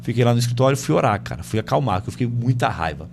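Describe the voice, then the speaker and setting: A man's voice: mid-range voice, animated, racing, gravelly, a little hiss or hum. A man hosting a podcast, telling a family story casually with many fillers and acting out the dialogue, recorded in a home studio. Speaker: podcast host.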